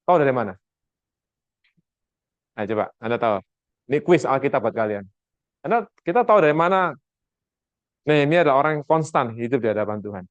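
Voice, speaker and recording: A man's voice: medium pitch, big pitch swings, fairly quick, pauses often, no echo. A man teaching a Bible class over a video call, with an Indonesian accent, quizzing his students and acting out the quotes he tells. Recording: dull lo-fi video call audio.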